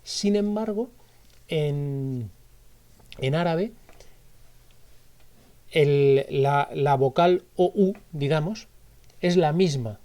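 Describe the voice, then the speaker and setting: A man's voice: on the high side, very slow, pauses often, mellow. A man with a Spanish accent from Spain, teaching a recorded lesson. He explains step by step and often repeats himself or corrects his wording. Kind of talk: recorded lecture.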